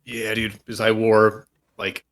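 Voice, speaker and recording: In a casual storytelling chat, a young male podcast co-host rambles through tales about himself, poking fun at himself and filling gaps with "likes" and "dudes." He speaks slowly in a lowish, monotone, slightly bright voice.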